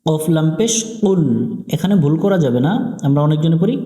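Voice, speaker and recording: A man teaching Quran recitation in a slightly high, mellow voice. He spells out letters and vowel marks one by one, then chants the verse in long, drawn-out tones. The recording carries a noticeable room echo. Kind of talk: step-by-step recitation lesson.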